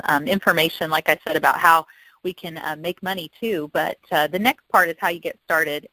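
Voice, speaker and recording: A woman with a low but fairly bright voice gives an informal, upbeat sales presentation as a guest consultant on a telephone conference call. She talks in a chatty, testimonial way, and the recording is dry and rough.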